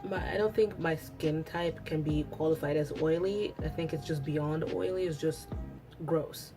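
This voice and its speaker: A young beauty vlogger whose first language is Italian chats casually to camera at home after a shower, rambling with lots of restarts. She has a low voice and a moderate pace, speaking over music.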